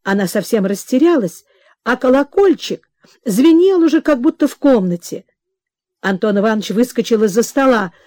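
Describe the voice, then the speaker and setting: A woman narrating a classic novel in an expressive, dramatic audiobook reading. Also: a little high, normal speed, no room sound, clean studio sound.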